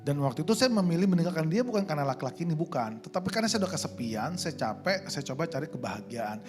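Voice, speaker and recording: A man speaking as a podcast guest, explaining himself rapidly and emphatically and repeating phrases as he goes. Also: fairly high pitch, animated, over music. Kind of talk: candid interview talk.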